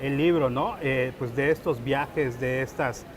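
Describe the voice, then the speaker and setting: A man's voice: medium pitch, unhurried. Male reporter, rambling questions with fillers, crowd noise behind. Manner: hesitant questions with fillers and restarts. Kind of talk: interview.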